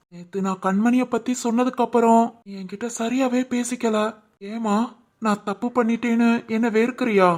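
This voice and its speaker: A woman voicing a remorseful middle-aged uncle in an animated family story, pleading and gentle, with a Tirunelveli Tamil accent. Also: a little high, close to an everyday voice.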